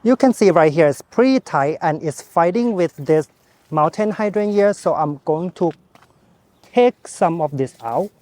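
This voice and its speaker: A man with a voice a little on the high side. He talks casually and directly to viewers, walking them through garden tasks outdoors. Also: a little slow. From Thailand. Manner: chatty, relaxed, speaks to viewer directly. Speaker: gardening channel host. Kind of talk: casual how-to gardening vlog.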